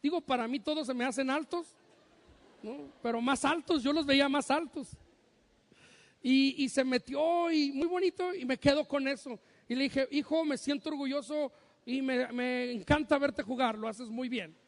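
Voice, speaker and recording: Pastor, very high male voice, jokey preaching that acts out family voices, long church-hall reverb. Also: normal speed. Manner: humorous, acts out parents' and sons' voices. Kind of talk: sermon.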